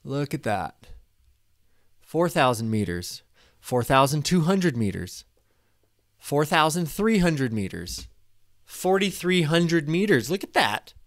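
A man in his thirties giving a casual, excited commentary over a replay of his own flight, at a desk microphone in a small room. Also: on the high side, takes it slowly, pauses often, no room sound, clean studio sound. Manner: enthusiastic, casual, swears when excited. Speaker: paragliding vlogger. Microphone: desk microphone in front.

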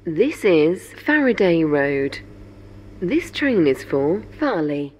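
A woman voicing a recorded onboard train announcement. She speaks in a measured, formal way, with even spacing between phrases. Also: lowish voice, exaggerated voice. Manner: measured, formal and evenly spaced. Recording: game audio over loud train noise.

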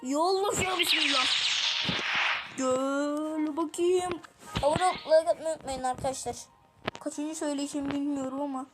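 A Turkish-accented woman commentating her gameplay to viewers, excitable, groaning and exclaiming as she plays. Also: sits high, normal speed, rough recording. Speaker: gaming channel host. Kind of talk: let's-play gameplay commentary. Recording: loud game music behind the voice.

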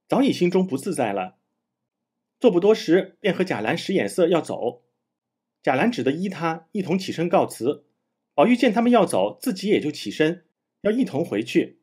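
Husky man reading a classic novel. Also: on the high side, a little mellow. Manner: measured storytelling.

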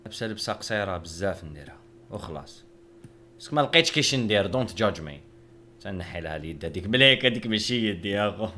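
A man's voice: on the low side, animated, fast talker, sharp tone. A young man, casually talking through a drawing with joking, self-mocking banter. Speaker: video creator. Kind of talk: casual narration while drawing.

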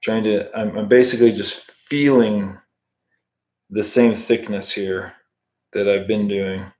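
In this indoor clip from a room at home, an American man in his thirties ties flies on a livestream, speaking slowly in a lowish voice. He stays relaxed and chatty, answering viewer comments as he works through this casual live tutorial.

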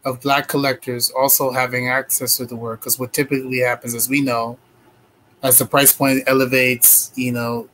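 A man's voice: medium pitch, sharp tone, slight background noise, low-quality recording. A man in his forties, a curator hosting a video-call interview, asking long, rambling questions in a friendly way. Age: 40s. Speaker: curator host.

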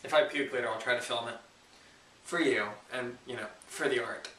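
A man's voice: medium pitch, brisk, bright, forceful tone. A man chatting casually to camera in an informal, self-deprecating, joking way as a challenge vlogger. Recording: roomy echo, distant microphone.

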